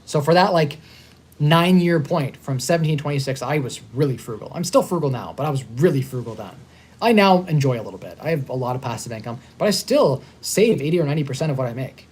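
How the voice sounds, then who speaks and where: A man in his thirties hosting a casual live stream, upbeat and talking in quick bursts with frequent restarts. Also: on the high side, animated, a little mellow, breathy edge. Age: 30s. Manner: fast-talking, upbeat, repeats and restarts words. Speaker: host. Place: hotel.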